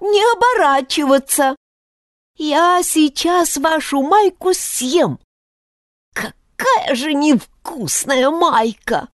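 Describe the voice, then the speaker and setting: A woman's voice: sits high, animated, slow, no echo, clean studio sound, pitched above the performer's own voice. A woman doing a nasal, bossy unseen creature. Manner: nasal, bossy, barking orders. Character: unseen bossy shirt-eating creature with a nasty temper.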